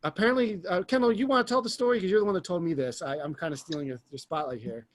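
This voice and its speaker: High-voiced man chatting on a podcast. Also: rapid-fire. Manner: rambling, enthusiastic storytelling. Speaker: podcast co-host. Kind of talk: casual chat.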